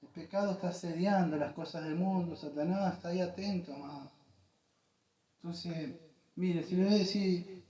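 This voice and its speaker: A man preaching in Argentine Spanish with an earnest, repetitive delivery, his voice sitting a bit higher than most men's. The room around him is echoey, like a church hall. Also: moderate pace, warm tone. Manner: earnest, repetitive, addresses listeners as "amado". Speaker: pastor. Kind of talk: sermon.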